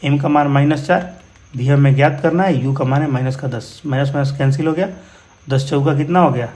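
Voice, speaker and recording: A man's voice: mid-range voice, a little fast, darkish tone. A man with a Bihari accent teaching physics numericals in a casual, encouraging way, often calling his students brother. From India. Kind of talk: explaining exam problems.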